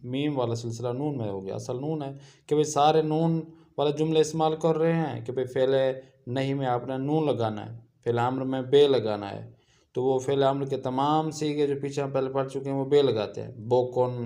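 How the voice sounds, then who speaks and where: A man teaching a grammar lesson, explaining rules and spelling out example phrases slowly and deliberately. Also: medium pitch, mellow. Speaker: Persian language teacher.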